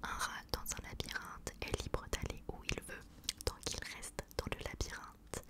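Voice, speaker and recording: A woman whispering softly as an ASMR host, presenting and reading from a book in an informal way.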